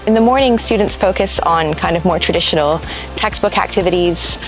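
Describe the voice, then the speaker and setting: A woman from a language school giving an upbeat, polished pitch for its summer camp outdoors on a campus. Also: brisk, low-quality recording. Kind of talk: promotional talk to camera. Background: faint music.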